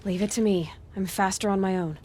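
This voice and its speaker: A woman's voice: mid-range voice, fairly even intonation, a little fast, warm tone, close to an everyday voice. Aloy, a woman voicing a blunt young huntress. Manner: terse, direct, self-reliant. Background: game music.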